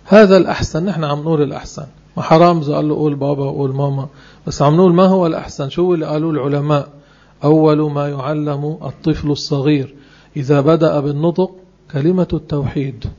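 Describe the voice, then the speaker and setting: A man giving a religious lesson. He speaks emphatically and slows down to spell out phrases word by word. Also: a little high, steady tone, a little mellow, muffled recording. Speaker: religious teacher.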